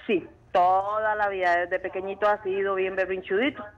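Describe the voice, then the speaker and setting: A woman calling a radio show, a mother describing her son in a chatty, animated way. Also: medium pitch, normal speed, dull audio. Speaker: caller, mother.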